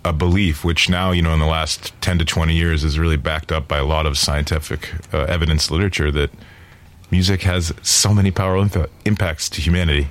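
The founder of a music nonprofit, a man with a very deep, steady voice, talks fast as he lays out his mission at length in an interview. He comes across earnest and expansive, using many fillers.

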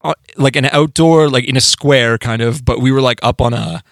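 A man in a casual podcast chat, spinning long stories with plenty of swearing and filler. His voice sits at an everyday middle pitch. The sound is close and dry. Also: moderate pace, gravelly, no room sound. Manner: rambling storytelling with profanity and filler. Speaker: podcast co-host; band musician.

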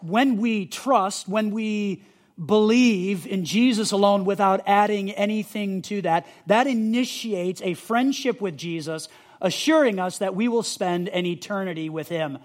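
A male pastor teaching a sermon, earnest and emphatic, repeating key words for listeners to underline in their notes. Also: sits high.

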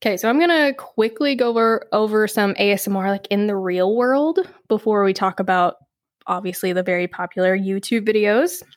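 A woman's voice: medium pitch, fairly quick, dry recording. A woman co-hosting a podcast in casual chat, chatty and reading research notes aloud. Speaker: podcast co-host.

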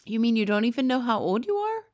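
A woman's voice: big pitch swings, fast, darkish tone. A woman voicing a small, curious and polite young girl who keeps asking questions. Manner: questioning, high and eager.

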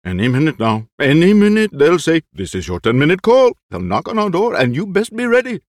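A man's voice: sing-song, fairly quick, dry recording, studio quality. A man playing a frantic, vain old stage actor. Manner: frantic, theatrical, high-pitched outbursts. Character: aging vain Spanish stage actor, nervous and fussy.

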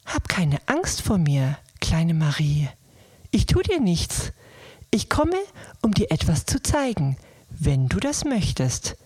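A woman voicing a tiny cheerful female fairy in a bedtime story, speaking softly and gently with a breathy voice. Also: on the low side, wildly swooping pitch, slow pace, dry recording, exaggerated voice. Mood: gentle reassuring. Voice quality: soft, breathy. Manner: gentle, coaxing, lilting.

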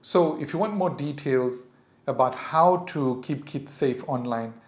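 In a reverberant recording, a middle-aged man with a South African English accent hosts his podcast, reflecting aloud as he earnestly advises parents. His voice is mid-range and his delivery a little slow.

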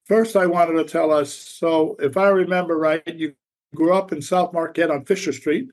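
A man with a raspy voice hosting a podcast interview in a halting, conversational way, often repeating his words. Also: a little high, fairly even intonation. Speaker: podcast host.

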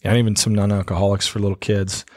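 A man's voice: fairly low pitch, little pitch movement, quick pace, a little mellow, dry recording, clean studio sound. Easygoing young man as a guest. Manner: easygoing, laid-back, many uhs. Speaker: guest, business co-owner. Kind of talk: casual interview.

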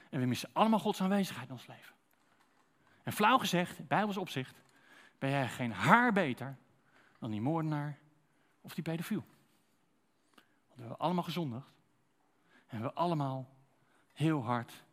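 A man's voice: on the high side, lively intonation, normal speed, pauses often, fairly bright tone. A man preaching a sermon to a congregation, speaking conversationally and asking them direct rhetorical questions.

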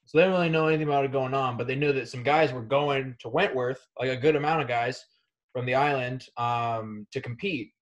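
The speaker is a young adult wrestler at college, originally from Kansas City, giving a casual interview in a brisk, mid-range voice. The sound is lo-fi, and he wanders along with many fillers and restarts.

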